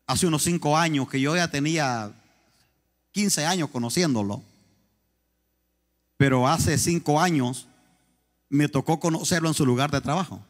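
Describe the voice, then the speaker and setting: A man's voice: medium pitch, long reverb tail. A man preaching a sermon as pastor, emphatic, asking the congregation questions again and again.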